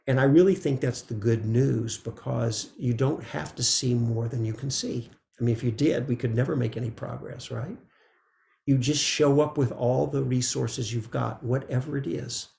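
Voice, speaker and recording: A man teaching meditation in a relaxed, conversational dharma talk, often checking in with "right?". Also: medium pitch, moderate pace, vocal fry, reverberant, slight background noise. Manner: gentle, conversational, frequent "right?" asides.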